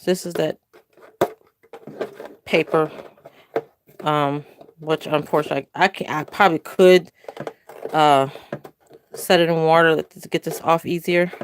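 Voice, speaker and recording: A woman's voice: low voice, fairly even intonation, unhurried, long pauses, a little hiss or hum. An older woman hosting a casual crafting livestream from home, chatting in a rambling, self-correcting way. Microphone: phone camera.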